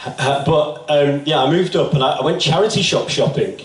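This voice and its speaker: A man's voice: fairly high pitch, a little fast. A man, a poet and teacher, chatting casually with plenty of swearing before reading his spoken-word poems live in a small bar. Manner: casual, swearing, self-deprecating banter. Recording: roomy live sound from a distant mic.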